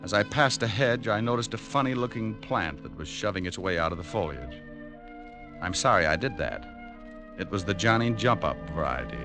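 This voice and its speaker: On an old 1940s radio broadcast with music, a man with a lowish, animated voice plays a hard-boiled private detective at normal speed. He narrates the story with dry, sardonic wisecracks.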